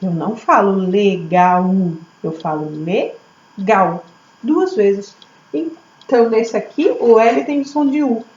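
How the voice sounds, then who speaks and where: A woman teacher, slowly sounding out words syllable by syllable for young children. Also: fairly high pitch. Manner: slow, syllable-by-syllable, lively teacher questions. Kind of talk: early literacy lesson for children. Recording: echoey room, slightly dull audio, faint hum.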